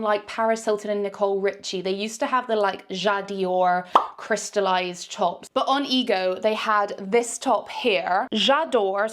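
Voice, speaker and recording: Chatty British woman reviewing fashion. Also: mid-range voice. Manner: candid, animated, quick asides. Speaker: fashion vlogger. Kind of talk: chatty try-on haul review.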